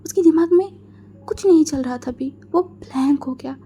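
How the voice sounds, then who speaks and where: A woman's voice: sits high, moderate pace, dark tone. A woman narrating a fan fiction story in a chatty way, mixing in English words and many fillers.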